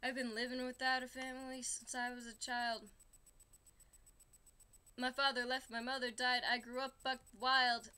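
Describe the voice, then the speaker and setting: A woman voicing a brash young male revolutionary, rapping rapidly in a lowered voice along to a musical. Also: little pitch movement, pushed and bright, smooth. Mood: cocky. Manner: rapid rapping, low put-on voice.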